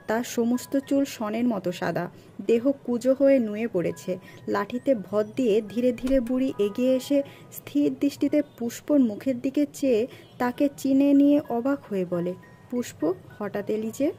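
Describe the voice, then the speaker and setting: A woman narrating an audiobook with steady, expressive storytelling. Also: on the high side, normal speed. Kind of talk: scripted narration. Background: faint background music.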